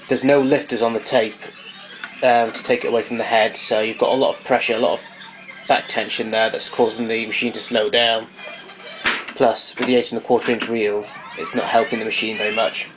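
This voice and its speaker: A man with a lowish, flat voice, speaking a little fast, gives a casual hands-on demo of his vintage tape recorder. As a hobbyist he explains it hesitantly and keeps correcting himself, and the recording is clearly noisy with clicks.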